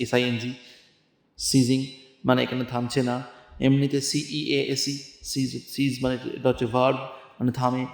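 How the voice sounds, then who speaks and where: A man's voice: medium pitch, gravelly, echoey room, in a large hall. A man teaching an English poem, reading lines aloud, spelling out words and asking his students questions. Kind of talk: poetry lesson explaining lines.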